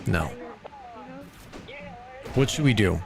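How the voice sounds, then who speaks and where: A man's voice: fairly low pitch, expressive, slow, gravelly, a crowd in the background. A young adult man live streaming in a VR game's voice chat. He talks casually and mocks and teases the strangers he meets. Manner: brash, mocking, teasing strangers. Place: online voice chat in a VR game.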